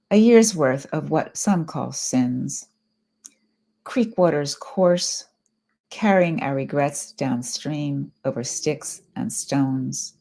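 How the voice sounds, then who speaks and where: A middle-aged woman reads her poems aloud in a low, gravelly voice. She is reflective and unhurried, with some asides between poems. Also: mellow. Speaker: poet. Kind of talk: poetry reading.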